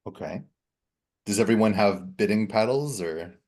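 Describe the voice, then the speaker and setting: A man plays his character at a tabletop session, speaking with a lowish voice. He talks in a relaxed, easygoing way as he explains his character. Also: normal speed. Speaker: player.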